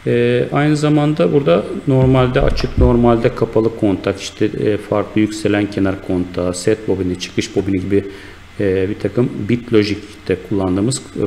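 A man teaching a software tutorial, talking in an unhurried, explanatory way with many fillers and self-corrections while he works at a computer. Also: mid-range voice, vocal fry, slight background noise. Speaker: instructor. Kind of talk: screen-recorded software tutorial.

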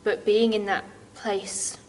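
A woman's voice: medium pitch, flat delivery, takes it slowly, darkish tone, a little hiss or hum. Thoughtful woman in an echoing studio. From United Kingdom. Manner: thoughtful, hesitant, many restarts. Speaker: dance artist. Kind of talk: reflective interview answers. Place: large dance studio, indoors.

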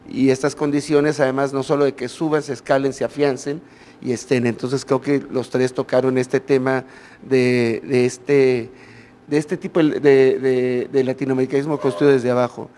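A man's voice: mid-range voice, fairly even intonation, normal speed, a little mellow. A man from Mexico with a Mexican accent, commenting from the audience at a conference on a handheld mic, friendly and rambling with many fillers. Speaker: audience member. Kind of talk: question from the floor. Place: conference hall, indoors.

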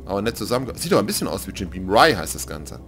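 A man commentating his horror game playthrough, joking and excitable, dropping to whispers when things get tense. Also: on the low side, rapid-fire, a little hiss or hum. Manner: excitable, jokey, drops to whispers in tense moments. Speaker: let's play commentator. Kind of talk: gaming commentary. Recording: gameplay music playing behind.

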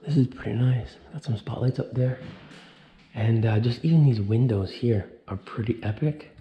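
Excited man touring an empty mansion. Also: mid-range voice, normal speed, lo-fi sound. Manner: excited, awed exclamations, thinking aloud. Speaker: urban explorer vlogger. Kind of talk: casual walkthrough vlog. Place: large empty indoor mansion rooms. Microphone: handheld action camera at arm's length.

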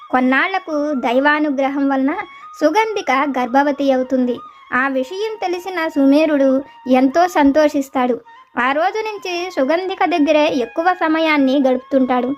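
A high-pitched woman narrates a folk tale in a steady, even storytelling voice. The recording sounds dull and slightly lo-fi, with faint music underneath.

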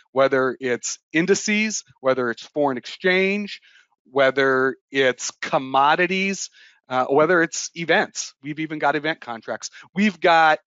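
Energetic man presenting a trading webinar. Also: on the high side, no room sound. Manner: energetic, emphatic, with frequent "uh" fillers. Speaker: trading educator. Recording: dull, dry lo-fi webinar audio.

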